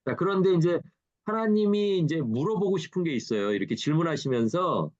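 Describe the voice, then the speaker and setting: A man's voice: on the high side, lively intonation, a little fast, a little mellow, dull audio. A man, a pastor, teaching a Bible study in a conversational way, asking rhetorical questions and acting out quoted dialogue.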